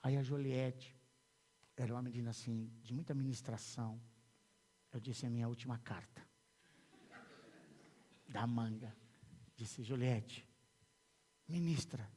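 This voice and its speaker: A male pastor with a Brazilian accent preaching a sermon in a church, telling a story with many repeated words and swings from hushed to loud. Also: medium pitch, steady tone, unhurried, long pauses, slightly rough. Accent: Brazilian Portuguese. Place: church sanctuary. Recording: long church hall reverb.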